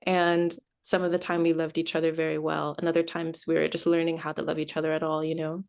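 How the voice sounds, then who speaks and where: A woman's voice: sits low, completely flat delivery, quick pace, vocal fry, a little mellow. A young woman screenwriter who answers in a thoughtful, reflective way. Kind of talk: interview answers.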